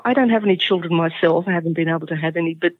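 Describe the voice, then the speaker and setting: A woman recounts a personal story in an earnest, halting way, full of fillers and restarts. Her voice comes over a tinny, phone-like line. The sound is dry, with no room around it. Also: on the low side, no room sound. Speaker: interview guest.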